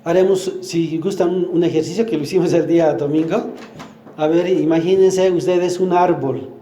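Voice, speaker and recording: Older man giving a slow-spoken church talk. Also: a little high, fairly even intonation, warm tone, roomy sound, a little hiss or hum. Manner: teaching with everyday examples, asks the congregation questions. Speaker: church speaker. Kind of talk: sermon.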